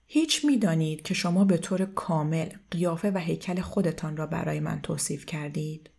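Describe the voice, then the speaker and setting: A woman reading aloud and voicing a calm middle-aged male doctor who speaks in a measured, gently insistent way. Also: deep voice, gravelly, slightly rough, exaggerated voice. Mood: probing.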